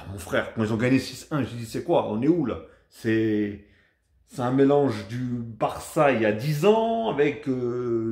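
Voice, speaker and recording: A man from France giving a casual, rambling football match debrief to his viewers, chatty and animated. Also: medium pitch, echoey room. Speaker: football vlogger.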